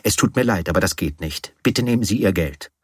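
A man reading a formal, insistent cultured gentleman. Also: sits low, expressive, a little fast, husky, no echo, studio quality.

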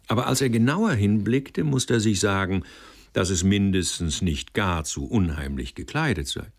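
Male audiobook narrator, deep voice, lively expressive delivery, husky. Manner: expressive storytelling.

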